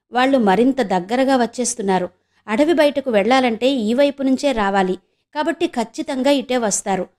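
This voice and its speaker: A woman from India narrating a novel in a steady, measured audiobook style. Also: on the high side.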